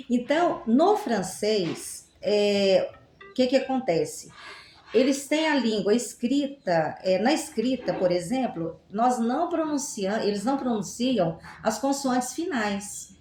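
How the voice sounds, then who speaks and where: Animated teacher in an echoey room. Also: female voice, on the high side, slow pace. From Goiás, Brazil. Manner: animated, teacherly, asks rhetorical questions, playful examples. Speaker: Portuguese teacher, guest. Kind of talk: casual explanatory chat.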